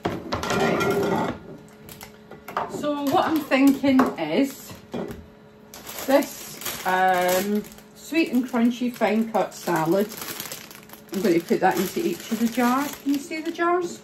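A middle-aged cooking vlogger chats casually and slowly, thinking aloud as she preps food in her home kitchen. Her voice is a little high and animated, picked up by a phone camera held nearby amid the noisy kitchen ambience.

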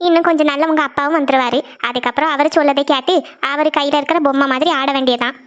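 A woman's voice: sits high, steady tone, quick pace, lo-fi sound, pitched below the performer's own voice, lightly acted. A woman voicing a worried, sad middle-aged mother in a cartoon, talking in a weary, complaining way. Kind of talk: cartoon voice acting.

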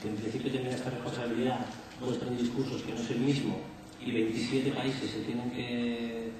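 A man in his forties with a Spain accent and a hoarse voice speaks hesitantly in a panel discussion. He is picked up at a distance in a hall full of echo, with clear background noise. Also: mid-range voice, flat delivery. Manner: halting, hesitant delivery. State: hoarse, under the weather. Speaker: industry association panelist. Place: conference stage, large indoor hall. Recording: echoey hall, distant mic, noisy.

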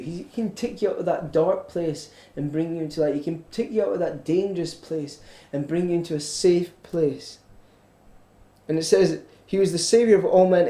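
Man, high voice, mellow tone, earnest pastor preaching, echoey church room. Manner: earnest, repetitive preaching with stammered restarts. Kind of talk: sermon.

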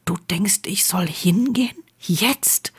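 A woman doing a hushed, grumpy teenage boy. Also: mid-range voice, unhurried, breathy edge. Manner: hushed, whispering.

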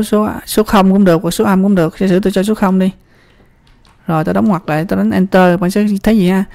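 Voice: mid-range voice, vocal fry, a little mellow, no room sound. An instructor with a Southern Vietnamese accent talks through a spreadsheet tutorial in a chatty way, repeating words and often checking in with the viewer. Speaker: computer skills instructor. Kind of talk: screen-recorded spreadsheet tutorial.

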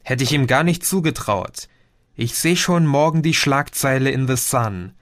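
A man's voice: mid-range voice, normal speed, lightly acted. A man doing a grumpy, mocking young guy. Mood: grumbling. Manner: grumbling, mocking.

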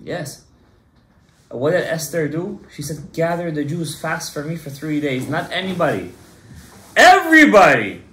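A man's voice: fairly high pitch, big pitch swings, unhurried, fairly bright tone. A man in his thirties, a rabbi giving an emphatic Torah class to a small group and quizzing his listeners. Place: synagogue study room, indoors. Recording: roomy echo.

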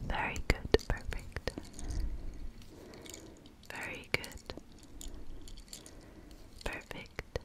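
A young woman whispering soft, repeated affirmations and casual chat into a close microphone as an ASMR creator. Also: drawn-out words, pauses often. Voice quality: unvoiced whisper. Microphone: close sensitive mic.

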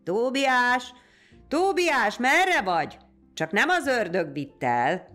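A woman voicing a huge old male goat farmer who hollers in a booming voice. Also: wildly swooping pitch, creaky, faint music behind, full character voice. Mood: alarmed. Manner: loud hollering calls.

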